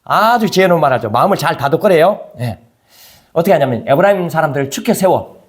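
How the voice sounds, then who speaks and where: A man's voice: a little high, animated, fast. A male pastor preaching a conversational sermon, firing rhetorical questions at his congregation.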